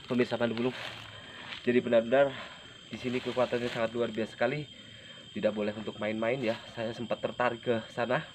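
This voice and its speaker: A man narrating a night ghost-hunting vlog to viewers outdoors, speaking in a halting, repetitive, uneasy way. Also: medium pitch, flat delivery. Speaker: paranormal exploration vlog host. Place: outdoors at night, rural site. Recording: noisy outdoor location recording.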